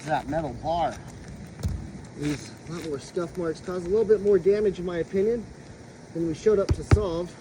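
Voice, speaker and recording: A man's voice: high-pitched, moderate pace. A man, a roofing contractor, explaining a repair in a practical, plain-spoken way while out of breath on a roof. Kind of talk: casual on-the-job explanation. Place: outdoors on a roof. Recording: noisy outdoor recording.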